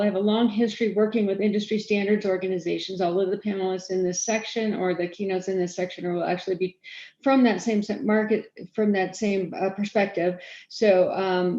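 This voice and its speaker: A woman giving a conference keynote on technology, talking quickly with frequent fillers and restarts. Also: medium pitch, fairly even intonation, mellow, echoey room, muffled recording. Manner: fast-talking, self-aware about speed. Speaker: keynote speaker, storage architect.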